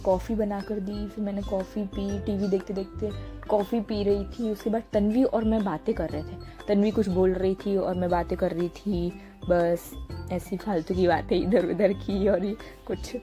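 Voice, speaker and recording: Young woman, from India, casual vlog narration, soft mellow tone, soft music underneath. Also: mid-range voice, flat delivery, normal speed. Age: young adult. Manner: chatty, searching for words, frequent laughs. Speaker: vlogger. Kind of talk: casual voice-over narration of her day. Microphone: small handheld mic.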